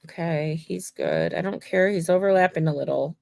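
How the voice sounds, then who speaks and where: A woman's voice: sits low, very animated, moderate pace, vocal fry, darkish tone, no room sound, studio quality. Chatty woman crafting on a livestream. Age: adult. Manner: chatty, rambling, talks to viewers while working. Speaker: mosaic artist hosting a livestream. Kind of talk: casual chat while crafting.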